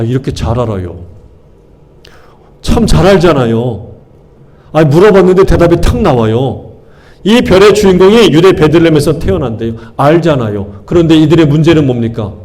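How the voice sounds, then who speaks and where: Emphatic Korean pastor preaching. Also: male voice, a little high, lively intonation, normal speed, a little mellow. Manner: call-and-response questions to the congregation, emphatic repetition. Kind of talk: sermon.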